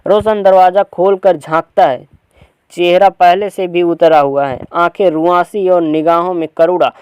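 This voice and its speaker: A man's voice: high-pitched, fairly even intonation, measured pace, darkish tone, clean tone, no room sound, dull audio. A man reading a play aloud for students, narrating the stage directions plainly. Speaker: teacher.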